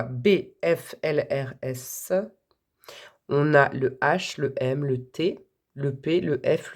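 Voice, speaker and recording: A woman giving a casual tarot reading to the camera, chatty and effusive, who calls her viewers friends and breaks into sudden exclamations. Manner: exclamations and sudden jumps in pitch and loudness. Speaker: tarot card reader.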